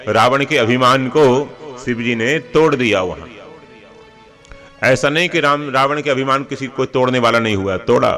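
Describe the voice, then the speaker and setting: A man's voice: mid-range voice, fairly bright tone. A man preaching a devotional sermon, telling scripture stories in a homely, anecdotal way with humorous asides. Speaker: religious preacher.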